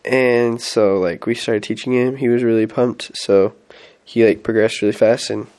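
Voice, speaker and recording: Speaking at a moderate pace in a steady, slightly mellow mid-range voice, this young adult man on a mission chats through his week for a casual update vlog. He's congested from a head cold and keeps using fillers and restarting sentences.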